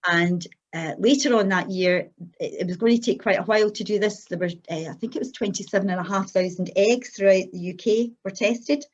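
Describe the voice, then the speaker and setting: A middle-aged or older Scottish woman giving an unscripted personal testimony as a guest, speaking in an earnest, halting, anecdotal way. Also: medium pitch, highs cut off.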